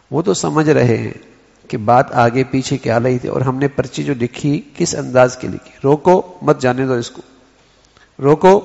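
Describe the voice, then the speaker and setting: A man's voice: medium pitch, gravelly, darkish tone. A man giving an Islamic sermon, explaining his point by acting out one sentence in different tones. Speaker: preacher. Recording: dull recording in a long-reverb hall.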